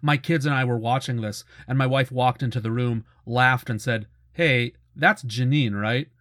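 A middle-aged man hosts a cartoon retrospective show, offering casual, informative commentary with a fan's conversational enthusiasm. His mid-range voice is a bit bright, with fairly even intonation at a normal speed, captured as a close, dry, clean studio voice-over with no room sound.

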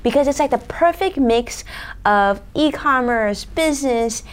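An enthusiastic woman hosts an interview show and asks eager, curious questions. Her voice sits fairly high. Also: animated, measured pace. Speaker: show host. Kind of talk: interview hosting.

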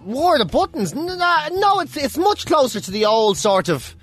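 A man's voice: very high-pitched, very animated, moderate pace, a bit bright, faint music behind. A man with a west of Ireland accent from Mayo, bantering casually as a radio co-host, opinionated and mock-indignant. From County Mayo, Ireland.

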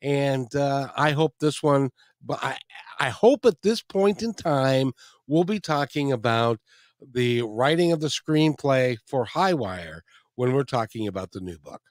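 A man's voice: medium pitch, animated, a little slow, no echo, clean studio sound. A man hosting a talk show, chatting in a friendly way with a guest and closing the episode. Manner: friendly, chatty, repeats words. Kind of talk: casual interview and show outro.

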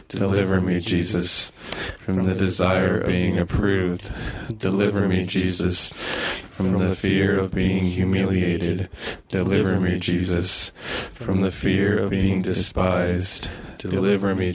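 A man with a deep voice recites a litany in a measured, extremely flat tone. He goes slowly, with faint voices of others behind him. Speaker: podcast guest.

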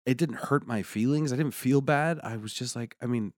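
A man co-hosting a casual conversation, telling a personal story animatedly, with excited peaks. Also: mid-range voice, moderate pace, no room sound, clean studio sound.

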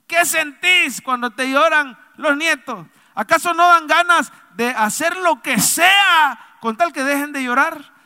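A man preaching a sermon as a pastor to a congregation, swinging between quiet, intimate passages and loud, urgent calls. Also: very high-pitched, big-room sound. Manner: preaching to a congregation, rising and falling from soft to loud. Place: church.

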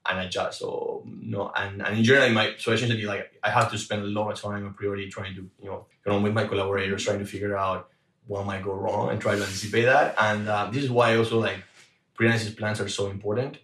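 A man from Argentina speaks as an interviewed researcher, rushing along and piling up fillers and restarts. His voice sits a little low. The sound is roomy and comes from some way off the mic. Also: level tone, fairly bright tone, distant mic. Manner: fast, halting, many fillers and restarts. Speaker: researcher guest. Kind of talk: interview answers.

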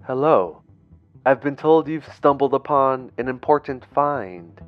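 A man voicing a polite, dryly monotone museum official in an audio story. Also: mid-range voice, measured pace, dull audio, faint music behind, natural voice. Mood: formal. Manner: polite, flat and formal.

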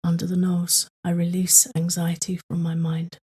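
A tapping meditation geared toward sleep is led by a woman whose low, mellow voice is heavily breathy and airy. She keeps her delivery flat and level, repeating calm prompts slowly.

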